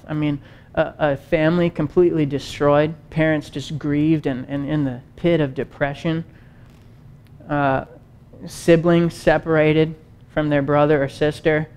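With a fairly high, clear, resonant voice, a young man delivers a teaching sermon. He paces a stage backed by wood panels and a screen, gesturing broadly and speaking in an animated, conversational way.

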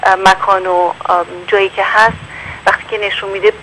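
A woman's voice: medium pitch, little pitch movement, sharp tone, slight background noise, rough recording. A woman from Iran calling in as a worried mother, speaking hesitantly and mixing in English words. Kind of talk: phone-in call.

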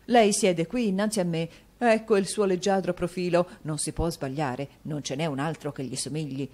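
A woman's voice: fairly low pitch, steady tone, moderate pace, a little mellow, lightly acted. Woman doing a dramatic whiny dandy husband, all exclaiming and wailing, audiobook. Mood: melodramatic. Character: melodramatic self-pitying husband, dandy middle-aged man.

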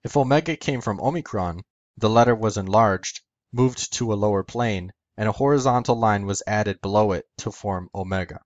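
A man with a fairly low voice delivers a scripted lesson, walking through each point in careful order. The sound is dry and close, with no room around it. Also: moderate pace, no room sound, dull audio. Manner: methodical, step-by-step explaining. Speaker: educational video host. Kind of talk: scripted explanatory narration.

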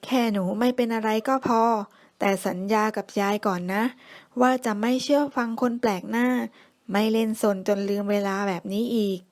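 Woman doing a soft gentle grandma from a bedtime story, reassuring. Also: on the high side, fairly even intonation, normal speed, close to an everyday voice. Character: kind, forgiving old grandmother.

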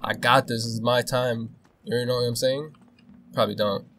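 A young man talks through his own game play in casual commentary, excitable and quick to swear. He drops to nervous muttering and then bursts out loud. His voice sits in a middle range over a faint steady hiss. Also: medium pitch. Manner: excitable, swearing, shifts between hushed nervous muttering and yelling. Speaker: gaming video host.

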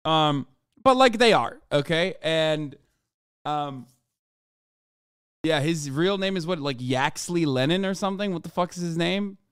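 A man's voice: a little high, animated, measured pace, pauses often, fairly bright tone, clean tone, no room sound, studio quality. A man streaming casual reaction commentary, blunt and heavily profane.

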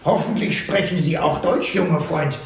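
A man's voice: fairly high pitch, normal speed, voice pushed up, close to an everyday voice. A man reading aloud and voicing a small, wily old trapper who talks in clipped, folksy phrases. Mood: jovial. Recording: echoey room.

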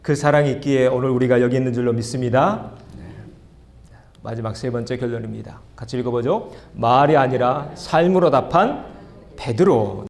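A man's voice: medium pitch, moderate pace, a little mellow. A man preaching a sermon as a pastor in a church, asking the congregation questions and leading them in reading aloud. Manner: asks the congregation questions and leads group reading. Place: church sanctuary.

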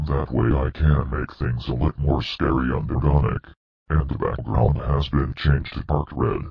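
Brief: a menacing demonic cartoon dinosaur, extremely deep and gravelly, dull lo-fi sound. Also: male voice, little pitch movement, exaggerated voice. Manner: gloating, threatening, slow and deliberate. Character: demonic evil male purple dinosaur, menacing. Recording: dull muffled lo-fi audio.

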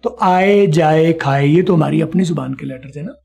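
A man teaching spoken English in an online class, repeating each sound slowly for his students. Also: fairly high pitch, creaky, dark tone.

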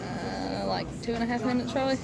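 A woman's voice: on the high side, fairly quick, creaky. A woman chatting casually while she films in a restaurant. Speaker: mother filming an eating challenge. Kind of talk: casual chat. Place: indoors in a small restaurant. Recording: loud restaurant crowd noise.

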